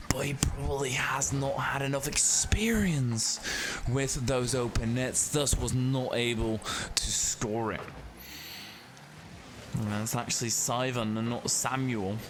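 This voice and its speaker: A man voicing a solemn nature documentary narrator over game play, hushed, breathy and dramatic. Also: medium pitch, noisy background, natural voice. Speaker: gameplay commentator.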